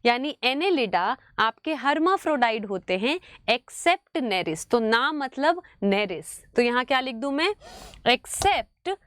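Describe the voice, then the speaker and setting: A woman teaching biology in an online exam-prep lecture, mixing English terms into her talk, calling students "beta" and drilling key words slowly. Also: sits high, no room sound, clean studio sound. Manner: animated, mixes English into Hindi, calls students "beta".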